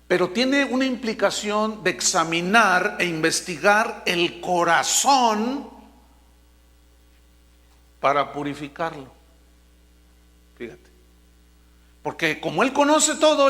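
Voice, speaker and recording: A man delivers a sermon in a high, ringing voice. He preaches emphatically and draws out the words he wants to stress. His voice carries a long reverb, as if spoken in a big hall. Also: bright, forceful tone. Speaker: pastor.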